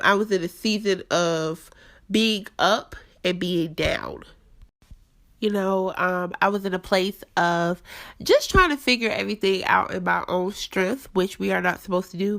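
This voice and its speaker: Speaking from her apartment on a home mic, a congested young woman chats openly with her faith-based podcast audience in a casual, personal way. She has a middle pitch, some vocal fry, and a slightly bright tone.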